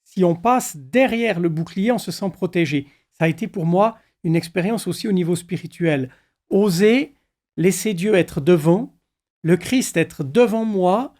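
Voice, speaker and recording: A middle-aged male pastor speaking calmly and thoughtfully in a conversation. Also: sits high, a little slow. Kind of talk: reflective conversation.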